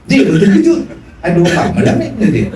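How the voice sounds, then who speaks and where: A man preaching a sermon, telling stories animatedly and acting out dialogue with big swings in pitch. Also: wildly swooping pitch, quick pace. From Malaysia. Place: prayer hall. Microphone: phone recording from the audience. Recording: echoey hall from far off with room noise.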